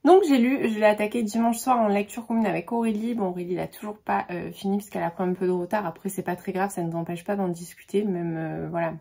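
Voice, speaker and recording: A woman's voice: mid-range voice, fairly even intonation, fast, gravelly, few pauses, warm tone, husky. A woman book vlogger chatting casually about her reading, talkative with many fillers and restarts. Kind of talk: casual chat about books.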